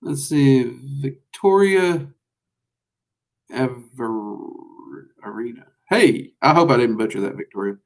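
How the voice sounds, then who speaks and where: Speaking with a Southern US accent, a man teaches magic on a casual livestream, answering viewers in a rambling, folksy manner packed with fillers. His medium-pitched voice is lively in intonation, and he talks slowly.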